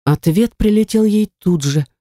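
A woman narrating an audiobook in a steady, measured reading. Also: mid-range voice, no room sound, clean studio sound.

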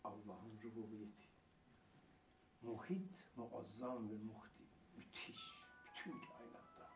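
A man giving a religious lecture, asking rhetorical questions and answering them himself, and stressing single words slowly. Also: medium pitch. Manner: slow, deliberate emphasis on single words. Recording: echoey room, mic far off, faint hiss.

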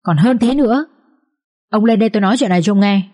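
A woman's voice: medium pitch, fast, close to an everyday voice. A woman voicing a harsh, domineering old matriarch. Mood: stern. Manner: scolding, imperious, shouting threats.

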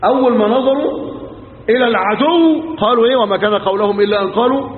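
A man's voice: extremely high pitch, fast. A man with an Egyptian accent delivering a colloquial sermon, telling stories and acting out dialogue with emphatic rhetorical questions. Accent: Egyptian Arabic. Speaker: sheikh preacher. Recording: echoey hall, phone-like lo-fi sound.

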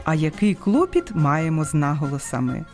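A woman's voice: sits low, moderate pace, loud music behind the voice. A woman with a Ukrainian accent hosting a scripted radio talk on language, teaching in a didactic way and stressing her examples. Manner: didactic, lively intonation with emphatic examples. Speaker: radio host.

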